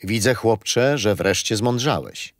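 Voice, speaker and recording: An actor plays a kindly, patient old grandfather telling history to his grandchildren in a children's radio play. His lowish voice moves slowly with lively intonation, and he sounds amused as he gently tells the story and explains things patiently.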